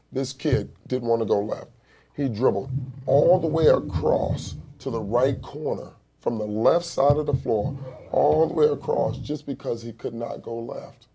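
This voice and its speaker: A man, a youth basketball coach, telling stories in casual chat with an animated manner. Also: medium pitch, vocal fry, breathy edge.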